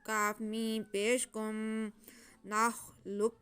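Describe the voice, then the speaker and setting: Slow, crisp woman teaching Quran reading. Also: fairly high pitch, little pitch movement. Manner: chants syllables slowly and loudly, explains rules quickly and softly. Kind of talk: spelling out syllables for Quran reading.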